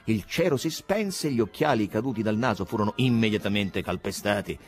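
A man reading a novel aloud as an audiobook narrator, theatrical and expressive. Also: lowish voice, fairly quick. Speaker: audiobook reader.

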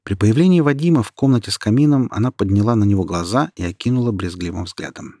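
A man narrating an audiobook in a steady, even storytelling manner. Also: fairly low pitch, fast talker, no echo, studio quality.

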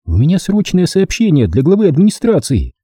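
A man reading an audiobook voices a young woman fighter who speaks tersely and gives sharp commands, in a raised, husky voice. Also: high voice, huge pitch swings, moderate pace, dry recording, pitched above the performer's own voice, full character voice. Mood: curt.

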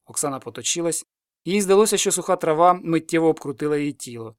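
A man narrating a dark folk tale for an audiobook, moving through it at a brisk, hurried clip. His voice sits a little higher than most men's, and the recording is dry and close, with no room sound. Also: animated, clean tone, dry recording. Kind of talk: scripted story narration.

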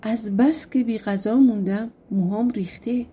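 A scheming bald girl from an old storybook, coaxing and smooth-tongued. Her voice is slightly high and breathy, the way a woman reader puts her on. She talks sweetly to get her way. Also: warm tone. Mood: excuse-making.

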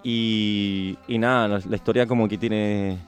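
Low-voiced man telling travel stories. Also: fairly even intonation, faint music behind. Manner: reflective, halting restarts, bursts into shouted reenactments. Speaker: touring cyclist guest. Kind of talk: radio interview, casual storytelling.

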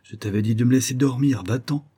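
A man's voice: medium pitch, brisk, dark tone, slightly rough. A man voicing a wealthy young colonel who is brusque and commanding, in an audiobook reading. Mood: irritated.

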